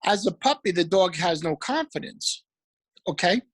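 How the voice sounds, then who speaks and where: A man giving an energetic, preachy motivational talk about trading, repeating affirmations. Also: high voice, moderate pace, rough recording. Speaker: motivational speaker for a trading group.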